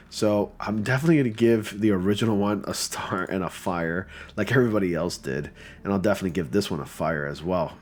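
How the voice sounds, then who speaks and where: There is slight background noise as this low-pitched man, nasal from a recent cold, looks over photos fans have sent. He sounds relaxed and enthusiastic, leaning heavily on fillers.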